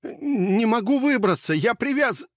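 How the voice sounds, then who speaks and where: A trapped doctor cries out in a high, strained voice, gasping and close to tears, performed by a male audiobook narrator. The yelling is loud and desperate. The recording is dry and close. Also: expressive, measured pace, no echo. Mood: frantic. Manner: frantic yelling, breathless and near tears. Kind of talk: audiobook character voice.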